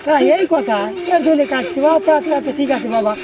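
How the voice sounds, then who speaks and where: A woman acts out a soft-hearted village parent, coaxing a weeping child. The voice sits high and the words tumble out fast, circling back to the same soothing endearments. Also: natural voice. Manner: coaxing, repeats endearments over and over. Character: tender rural parent soothing a crying son. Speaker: actor. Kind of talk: amateur village drama acting.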